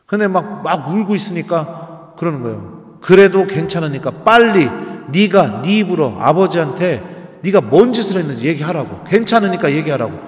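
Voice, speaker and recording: Male priest with a slightly high voice, lively storyteller, long church reverb. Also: normal speed. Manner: storytelling, animated, uses dialect endings for humor. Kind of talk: sermon. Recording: echoey church hall.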